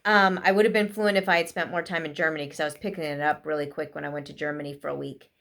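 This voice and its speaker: A woman giving a casual spoken lesson with tips for English learners, talking quickly with frequent fillers. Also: low-pitched, fairly even intonation, creaky, a bit bright. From United States. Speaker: vlogger teaching English learners.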